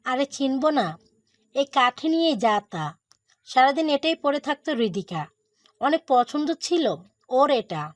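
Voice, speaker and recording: A woman voices an eager, talkative young woman in an audio drama. Her voice is high, and the recording is dry and close to the mic. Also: lively intonation, a little slow, long pauses, no room sound.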